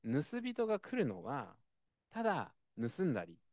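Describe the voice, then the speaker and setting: A man preaching a sermon in a conversational, expressive way, with frequent fillers. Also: mid-range voice, unhurried, no room sound, studio quality.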